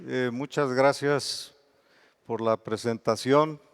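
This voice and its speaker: A man's voice: medium pitch, steady tone, slow, slight background noise. A middle-aged man with a Mexican accent giving a conference lecture, explaining terms patiently with examples. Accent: Mexican Spanish. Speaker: bee researcher giving a lecture.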